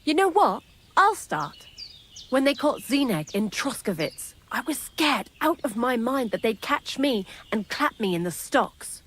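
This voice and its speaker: A woman's voice: a little high, big pitch swings, measured pace, a bit bright, slight background noise. A chatty, wry female thief. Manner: talkative, sardonic, gossipy. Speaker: miller's thief accomplice in a game. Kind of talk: video game dialogue.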